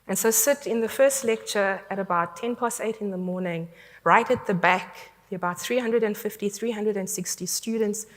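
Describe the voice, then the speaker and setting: A woman from South Africa with a South African accent, giving a candid, conversational conference talk. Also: mid-range voice. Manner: candid, conversational, self-deprecating. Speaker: conference speaker. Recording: long hall reverb.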